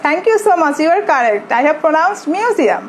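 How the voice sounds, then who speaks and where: A Bangladeshi woman, a primary school English teacher, giving an online lesson in English and Bengali, slowly repeating words for her pupils. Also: sits high, very animated, a little hiss or hum, low-quality recording.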